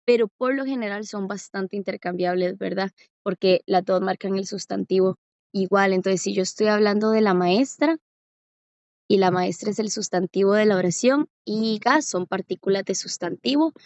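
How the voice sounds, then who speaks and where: A woman's voice: mid-range voice, no echo. A woman gives a patient classroom lesson, stretching out example words and often checking that her students follow. Her voice is close and dry. The sound is slightly muffled. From Costa Rica. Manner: patient, slows down to spell out examples with rising checks. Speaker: Korean language teacher.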